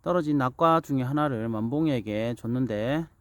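A man's voice: medium pitch, moderate pace, no room sound. A man casually narrating a homemade pet video outdoors while he films, now and then chatting to the animal. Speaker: vlogger filming own dog. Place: outdoors in an apple orchard.

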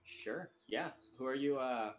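Guy running a tabletop game, middle pitch, describing stuff off the cuff. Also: a little slow. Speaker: game master. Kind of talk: improvised tabletop game narration.

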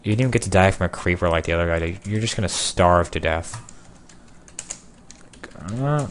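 Young male gamer, low voice, sarcastic running commentary, occasional loud outbursts. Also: quick pace, slight background noise. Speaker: gameplay video creator. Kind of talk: casual gameplay commentary.

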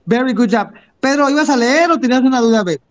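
Very high-voiced male teacher. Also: quick pace. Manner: encouraging, switches between English and Spanish. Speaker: English teacher. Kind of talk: online class instruction.

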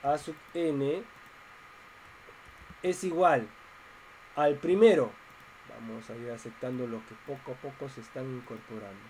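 A man's voice: medium pitch, unhurried, pauses often, darkish tone, a little hiss or hum, low-quality recording. A man teaching a math class online, explaining step by step and asking his students questions.

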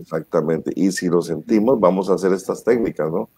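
A man hosts a casual talk show and picks his words in measured, searching phrases. His voice is deep and dark. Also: slightly rough. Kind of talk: casual chat.

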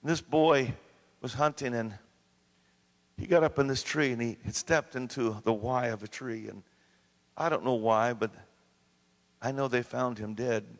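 A pastor preaching a sermon to his congregation, swinging from hushed storytelling to rising climactic exhortation. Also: medium pitch, a little slow, long pauses. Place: church sanctuary. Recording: long church reverb.

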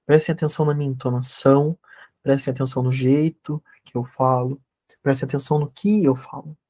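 A man, a therapist teaching an online workshop and leading a guided meditation with calm, repetitive instructions over a video call. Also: medium pitch, fairly quick.

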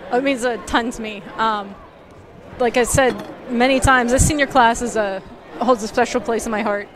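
A woman in her thirties, a high school volleyball coach, answering postgame questions earnestly with many filler ums, on a headset mic courtside in an empty gym. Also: fairly even intonation, normal speed, a crowd in the background. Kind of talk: postgame interview.

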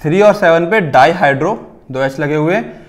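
A young man with an Indian accent giving a pharmacy chemistry lecture, switching between Hindi and slowly read English lines and often checking in with his students. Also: a little high, animated. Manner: reads English lines slowly, explains in quick Hindi asides; counts atoms aloud, checks with "ठीक है ना".

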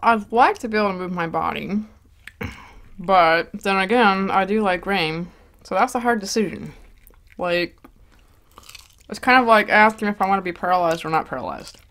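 Chatting casually as she eats, this mukbang host speaks at normal speed in a medium-pitched, slightly bright voice, pausing often. She laughs along and stumbles over words now and then.

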